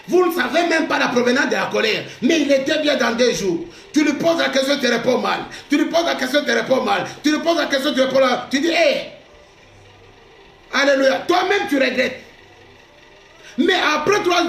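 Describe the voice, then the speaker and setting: High, gravelly shouting preacher. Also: male voice. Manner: shouts his points and repeats them. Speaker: pastor. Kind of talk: preaching a sermon. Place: church hall. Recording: echoey hall with faint music.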